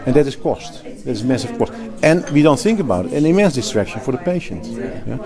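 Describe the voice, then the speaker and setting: A Dutch man from the Netherlands, a healthcare executive and clinician, speaks emphatically in an interview at a crowded event, with crowd noise behind him. His voice is medium-pitched and creaky, with lively intonation and a brisk pace. He restarts phrases and laughs easily.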